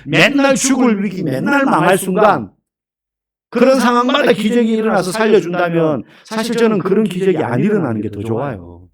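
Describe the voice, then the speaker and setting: A man's voice: sits high, big pitch swings, a little fast. A man preaching a sermon as a pastor, emphatic and full of rhetorical questions.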